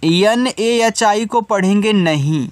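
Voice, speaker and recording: A man's voice: high voice, slow, no echo. A man teaching a beginners' spelling lesson, patiently spelling each word out letter by letter before reading it.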